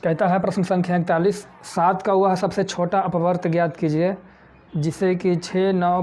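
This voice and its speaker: A man's voice: high-pitched, a little mellow. A man from India teaching a math lesson for exam prep, who keeps asking his own questions and answering them.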